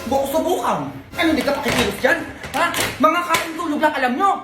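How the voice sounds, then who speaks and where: High-voiced woman scolding in a roomy skit. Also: lively intonation, fairly quick. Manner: switches between scolding mother and sulky child voices. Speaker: comedy skit creator. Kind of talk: comedic family sketch acting. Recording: roomy echo with background music.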